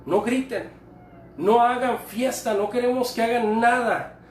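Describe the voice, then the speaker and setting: A man voicing the apostle Peter as an urgent grown man hushing his friends, within a sermon. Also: extremely high pitch, steady tone, unhurried, roomy sound, recorded from a distance, soft background music, voice pushed up.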